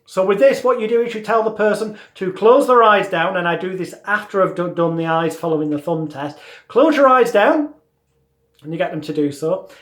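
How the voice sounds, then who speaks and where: A man giving an instructional lesson as a hypnotism teacher, with deliberate, emphatic phrasing and repeated lists. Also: high voice, fairly bright tone. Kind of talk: instructional lesson with demonstrated patter. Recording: roomy, echoey sound.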